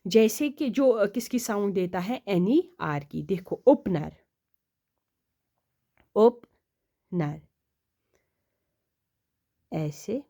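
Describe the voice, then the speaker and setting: Slow-paced woman teaching stenography. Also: medium pitch, lively intonation, mellow. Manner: slow, repeats questions and answers them herself; reads English rule text slowly and deliberately. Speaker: shorthand teacher. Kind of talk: classroom explanation.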